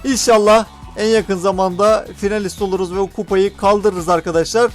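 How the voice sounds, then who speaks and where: Excitable high-voiced man commenting on gameplay. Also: moderate pace, soft background music. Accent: Turkish. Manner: excitable, urging teammates on, chatty with viewers. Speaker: gaming YouTuber.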